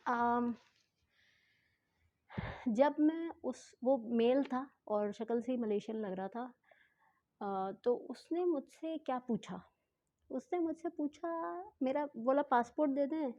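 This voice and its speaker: Chatty woman with a dull lo-fi sound. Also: on the high side. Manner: chatty, self-correcting, slips into English phrases; says she speaks slowly on purpose. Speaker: travel vlogger. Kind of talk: casual storytelling vlog.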